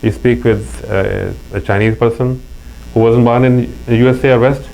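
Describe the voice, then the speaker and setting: A casual interview features a middle-aged Pakistani guest whose medium-pitched voice is steady, gravelly and mellow, at a normal pace, and he has a Pakistani accent. The recording is rough with a faint mains hum, and he tells earnest anecdotes with frequent restarts.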